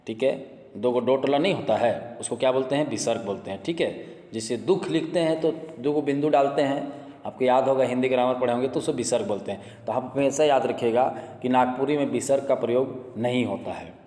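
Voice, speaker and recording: A man at a mid-range pitch leads a grammar lesson for exam students, his carrying an inflection. He repeats each point and keeps checking that his listeners follow. The room is echoey, with a long reverb trailing behind his voice. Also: a little mellow. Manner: repetitive, checks in with "ठीक है" and "देखिए". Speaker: teacher.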